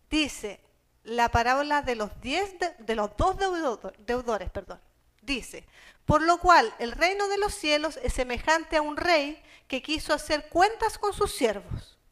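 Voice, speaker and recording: Una mujer con acento chileno predicando un sermón, que lee pasajes bíblicos y los explica en palabras sencillas y cercanas. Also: female voice, sits high, fairly bright tone. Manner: conversational, explains scripture in plain everyday terms; reads Bible passages aloud. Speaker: preacher. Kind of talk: sermon.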